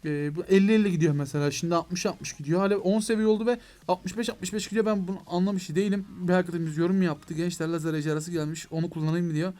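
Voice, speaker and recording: A young man giving excitable let's play commentary on a mobile game, talking to his viewers and to the game, with mock frustration when things go wrong. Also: high-pitched, quick pace, hardly any pauses. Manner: excitable, addresses viewers as "gençler". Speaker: gaming YouTuber.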